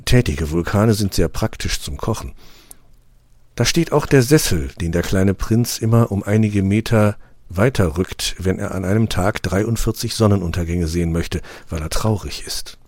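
A man reading a story aloud in a calm, even narrating manner. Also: low-pitched, moderate pace, no room sound. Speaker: audiobook reader. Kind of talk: scripted narration.

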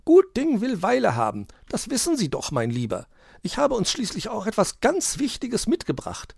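A man's voice: sits high, wildly swooping pitch, moderate pace, gravelly, darkish tone, slightly rough, dry recording, clean studio sound, pitched above the performer's own voice, heavily acted. A man voicing a bossy, mocking female magpie in a storybook reading, scolding and teasing. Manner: teasing, scolding, know-it-all.

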